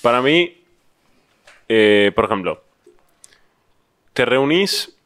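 A man's voice: medium pitch, lively intonation, drawn-out words, a bit bright. A man with an Argentine accent co-hosting a casual podcast chat, jumping in with teasing remarks. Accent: Argentine Spanish. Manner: interjecting, teasing banter. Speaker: podcast co-host. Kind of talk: casual chat among friends.

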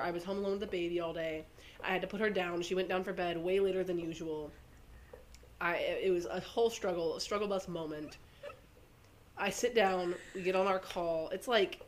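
A woman with a hoarse, congested rasp, co-hosting casually as a giggly, rambling storyteller. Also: on the low side, fairly even intonation, a little fast. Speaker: podcast co-host. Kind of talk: casual chatty banter.

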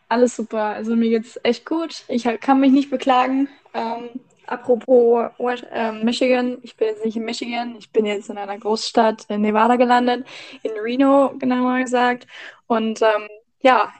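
A woman's voice: a little high, a little mellow, dry recording. Chatty young woman in her twenties. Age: 20s. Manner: chatty, cheerful storytelling. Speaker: podcast guest. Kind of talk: casual podcast chat.

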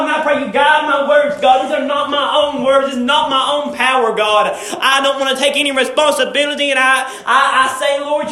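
A man's voice: very high-pitched, sharp tone, roomy sound. A male preacher delivering a fervent sermon and prayer in a church, stretching out key words for emphasis. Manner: fervent, drawn-out emphatic phrasing.

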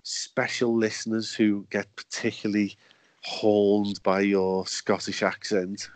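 A man's voice: fairly low pitch, little pitch movement, slow, dry recording. A man hosting a podcast, chatty and joking, laughing often as he talks. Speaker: podcast host. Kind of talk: casual chat.

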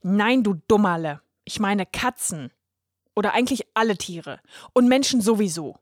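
A woman voicing a gruff, grumpy little boy in a read-aloud children's story. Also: medium pitch, animated, normal speed, no room sound, clean studio sound, natural voice. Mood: snappy. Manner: gruff, grumbling, huffy. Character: grumpy serious little boy, sulky and stern. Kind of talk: storybook reading.

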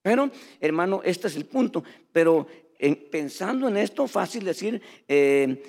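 A man preaching a sermon in a lively way, often calling his listeners "brother". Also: high-pitched, a little slow, vocal fry.

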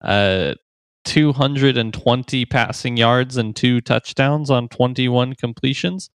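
A man's voice: mid-range voice, clean tone, dry recording. A man co-hosting a podcast, chatting casually about football and betting lines, running through stats with easy laughs. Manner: chatty, laughs easily, quick stats rundown. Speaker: podcast co-host. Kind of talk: casual sports betting chat.

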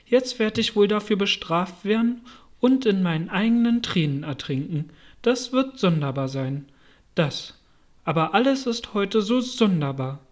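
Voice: mid-range voice, expressive, unhurried, natural voice. A reader voicing a polite, well-meaning young girl in a storybook reading, with an eager, apologetic, chattering manner. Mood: rueful.

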